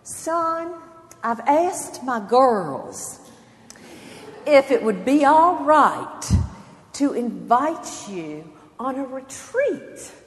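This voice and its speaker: A woman's voice: high voice, big pitch swings, drawn-out words, voice pushed up, heavily acted. A woman putting on a gracious elderly Southern lady. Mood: genteel, commanding. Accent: American Southern. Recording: long hall reverb.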